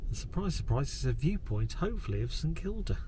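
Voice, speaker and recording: A man's voice: on the high side, very animated, fast talker, warm tone, slight background noise. A man casually narrating a camper van travel vlog, pointing out the sights around him. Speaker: vlogger. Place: outdoors on a windy hilltop and inside a camper van.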